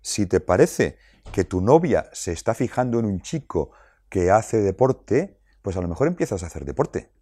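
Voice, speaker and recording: A man explaining child rearing to parents in a lively way, asking rhetorical questions and acting out quotes. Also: on the low side, moderate pace, breathy edge, no room sound, studio quality.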